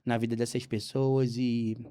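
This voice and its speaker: A Brazilian man, a podcast guest, telling a faith story with lively acted-out dialogue. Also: medium pitch, a little slow. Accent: Brazilian Portuguese. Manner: animated storyteller acting out dialogue. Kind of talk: storytelling testimony.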